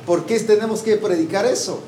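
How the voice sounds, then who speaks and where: Speaking a little fast in a high, warm voice, a man delivers a sermon to a congregation, repeatedly asking them questions and waiting for answers. The church hall sounds echoey, with faint noise in the background.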